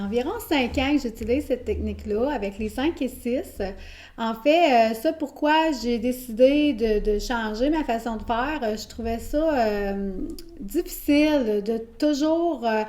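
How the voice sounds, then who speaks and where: A woman's voice: a little high, darkish tone. A woman teacher with a Québécois accent, explaining her teaching method in an interview, patient and explanatory with frequent hesitations. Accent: Québécois French. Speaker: elementary school teacher.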